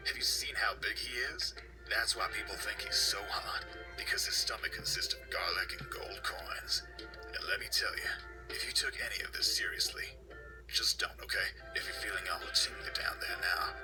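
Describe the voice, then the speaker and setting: A man with a very low voice narrates in a breathy, mock-sultry whisper, keeping a deadpan tone. Loud music plays behind his voice-over. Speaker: video narrator. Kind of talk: mock-seductive whispered countdown. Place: home.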